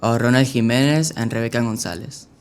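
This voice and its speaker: A young man from Venezuela talks through an interview at an ordinary middle pitch. He hesitates often, filling gaps with small pauses and fillers as he gathers his thoughts. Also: clean tone. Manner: hesitant, many fillers and restarts. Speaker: youth soccer player, guest. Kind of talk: casual interview answers.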